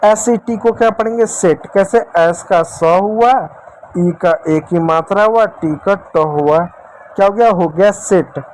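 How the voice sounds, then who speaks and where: A man's voice: sits high, a little slow, a little mellow, a little hiss or hum, poor audio. A man teaching English spelling and phonics in Hindi, asking questions and answering them himself, repeating each step and calling his viewers dear children.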